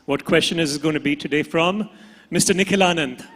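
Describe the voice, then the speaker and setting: A man's voice: fairly high pitch, fairly quick, fairly bright tone. A man with an Indian accent hosting a live pageant on stage. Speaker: pageant host. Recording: long hall reverb from stage PA.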